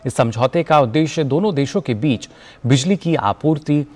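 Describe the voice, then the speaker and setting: A man reading the news as anchor in a formal, measured delivery. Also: fairly high pitch, expressive, a little mellow.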